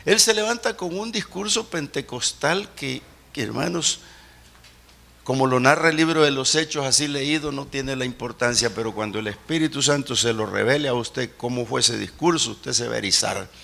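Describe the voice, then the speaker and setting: A man preaching a sermon as pastor in a church, swinging between loud outbursts and low murmurs. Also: moderate pace, vocal fry.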